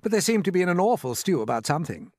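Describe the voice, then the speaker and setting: A man's voice: high-pitched, sing-song, rapid-fire, no echo, studio quality, pitched above the performer's own voice. A man voicing a huge, cheeky, gleeful centipede in a storybook, calling out emphatically.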